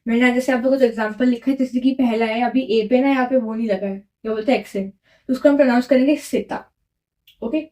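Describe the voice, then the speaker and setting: High, mellow-voiced woman teaching French. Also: fairly even intonation, racing, rough recording. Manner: repeats key words with quiz questions; mixes English words into Hindi. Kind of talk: classroom-style lesson explanation.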